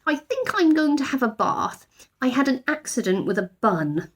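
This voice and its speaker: Woman as Paddington, a high-voiced polite little bear. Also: very animated, normal speed, husky, heavily acted. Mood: meek, polite. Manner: polite, earnest, slightly hesitant. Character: small polite young male bear, earnest and modest. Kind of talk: children's storybook character voice.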